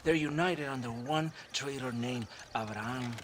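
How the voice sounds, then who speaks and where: An actor playing a smug, volatile Mexican army captain in a video game, with a grandiose, melodramatic delivery and a Mexican accent. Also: male voice, mid-range voice, moderate pace, background noise, lightly acted. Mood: grave, grandiose. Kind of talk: cinematic game dialogue acting.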